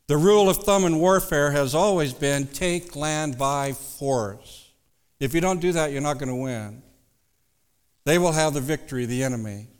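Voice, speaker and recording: Man preaching in a reverberant hall. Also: fairly high pitch. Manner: measured, deliberate, emphatic repetition. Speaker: pastor preaching. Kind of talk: sermon with scripture reading and prayer. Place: large church or hall during a service.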